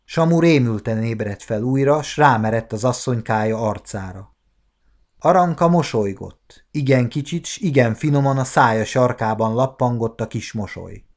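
A man in his forties narrating a classic novella as an audiobook, measured and expressive. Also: medium pitch. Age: 40s. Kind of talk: scripted literary narration.

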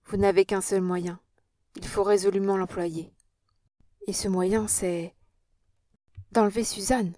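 A woman's voice: mid-range voice, steady tone, unhurried, pauses often, dark tone, no room sound, studio quality, lightly acted. A woman reading an audiobook and voicing an impassioned young Parisian woman with an earnest, dramatic manner.

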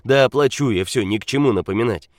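A man voicing a drunk, boastful quarry owner who slurs and shouts. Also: medium pitch, quick pace, no echo, clean studio sound, pitched above the performer's own voice, lightly acted. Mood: drunk, loud. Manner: slurring, shouting, swaggering.

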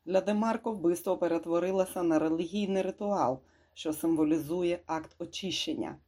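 Audiobook narrator reading a thriller, steady, mellow dark tone. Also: mid-range voice, moderate pace.

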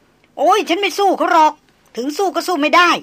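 A woman reading an audiobook, voicing a bubbly young foreign woman who talks in a shrill, laughing, playful way. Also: normal speed, a bit bright, dry recording.

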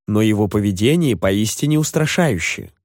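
A man voicing a kindly, fussy, easily startled older gentleman with polite manners. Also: lowish voice, animated, moderate pace, no echo, clean studio sound, close to an everyday voice. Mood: uneasy.

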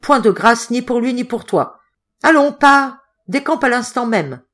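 A woman's voice: on the high side, sing-song, normal speed, voice pushed up. A woman reading a storybook and voicing a cruel, scheming male innkeeper in a raised, harsh, commanding tone. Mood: furious.

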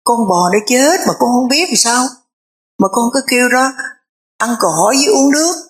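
Nun playing a tearful wealthy father, high-pitched pleading. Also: expressive, normal speed, lightly acted. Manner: pleading, repeating words. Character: grieving father, a wealthy householder.

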